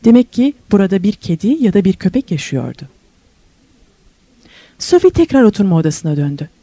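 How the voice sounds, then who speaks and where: A woman reads a novel aloud in an expressive storytelling voice, her pitch rising and falling a great deal. Her tone is mellow and dark rather than bright, and the sound is dry and close, with almost no room around it. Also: no room sound. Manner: expressive storytelling, slows and rises for wonder and questions. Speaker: audiobook narrator. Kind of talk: scripted novel narration.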